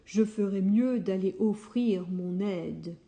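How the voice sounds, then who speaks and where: A big, kindhearted storybook wolf speaks slowly and mournfully, as a woman puts him on. His tone is mellow and gentle. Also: medium pitch. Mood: kind, sad. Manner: slow, sorrowful and gentle.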